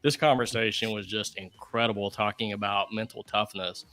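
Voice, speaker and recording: A man co-hosting a podcast in casual chat, enthusiastic and eager, speaking into a podcast mic on a boom arm. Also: fairly even intonation, normal speed, pushed and bright, dry recording. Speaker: podcast co-host. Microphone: podcast mic on boom arm with windscreen.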